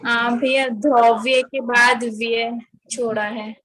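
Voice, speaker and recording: A woman's voice: on the high side, flat delivery, takes it slowly, fairly bright tone, slight background noise. A woman student answering politely and asking questions in class. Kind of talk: casual class participation.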